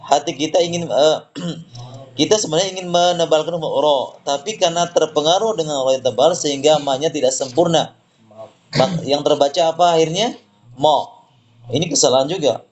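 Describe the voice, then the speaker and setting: A man's voice: fairly high pitch, a little mellow, muffled recording. Man teaching Quran recitation rules. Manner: explains slowly, repeats words, models recitation for students to echo. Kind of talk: tajwid lesson with recitation examples.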